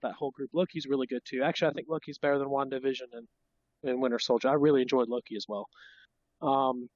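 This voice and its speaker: Sick-sounding man with a smoker's rasp. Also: medium pitch, dry recording. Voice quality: congested smoker's rasp from illness. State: sick, coughing under-the-weather voice. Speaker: podcast host. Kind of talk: casual film fan chat. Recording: dull lo-fi, dry sound.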